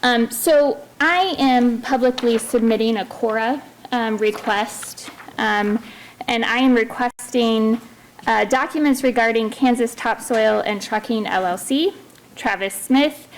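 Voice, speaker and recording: A woman's voice: fairly high pitch, measured pace, a little hiss or hum, poor audio. A woman giving a semi-formal public comment, hesitant, with frequent ums breaking up her phrases. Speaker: public commenter at a city council meeting.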